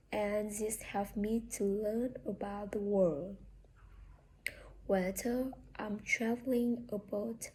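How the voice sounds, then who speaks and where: A native Vietnamese speaker with a Vietnamese accent delivers a prepared monologue for a speaking exam, careful and recited, with a few restarts. Her fairly high voice is mellow and husky, and the recording quality is low.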